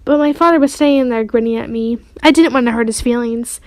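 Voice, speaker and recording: A woman reading a children's chapter book aloud with expressive storytelling. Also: fairly high pitch, brisk, no room sound. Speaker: audiobook reader.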